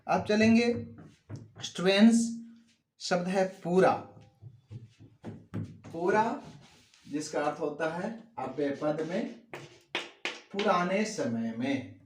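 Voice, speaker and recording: Slow, echoey male Sanskrit teacher. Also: high voice, animated, slight background noise. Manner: reads a Sanskrit sentence, then gives its meaning in Hindi; repeats key words with rising emphasis. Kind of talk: classroom lesson explaining grammar.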